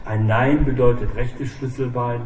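A man voicing a calm, ruthless old gunman who threatens quietly. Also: mid-range voice, measured pace, natural voice. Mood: cold calm. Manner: quiet, soft-spoken menace. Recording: echoey room, distant mic, faint hiss.

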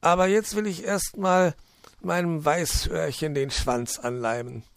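A man voicing an excitable male fox woodcarver who exclaims quirky oaths and wails when hurt. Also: on the high side, measured pace, vocal fry, no room sound, studio quality, pitched above the performer's own voice. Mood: cheerful.

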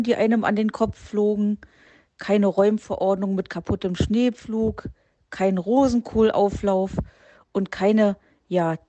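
A woman reading a children's story aloud in a calm, gentle storybook narration. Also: mid-range voice, dull audio.

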